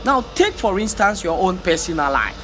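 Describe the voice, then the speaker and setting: Faint music accompanies this high-pitched, sing-song male voice, pushed and bright at a moderate pace. The speaker is an African vlogger giving a passionate motivational monologue, urging listeners on, going over the same ground repeatedly, and stammering when heated.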